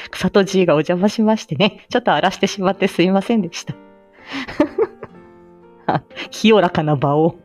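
A lowish, darkish-toned female voice belongs to an amateur voice drama actor running a laid-back live stream where she answers listeners and looks back on the past. She's self-deprecating and laughs frequently, and the muffled lo-fi audio carries background music.

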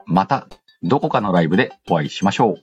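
The recording is dull and lo-fi with music in the background. In it, a man whose voice sits low and darkish, with lively intonation and a quick pace, hosts a casual radio-style show, chatting and reading listener letters in a slangy, playful way with self-interrupting asides.

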